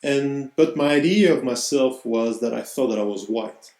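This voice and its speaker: A man's voice: medium pitch, moderate pace, darkish tone. A man in his thirties from Cameroon hosting a podcast, talking earnestly and reflectively in a personal monologue and searching for his words. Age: 30s. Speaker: podcast host. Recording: roomy, echoey room.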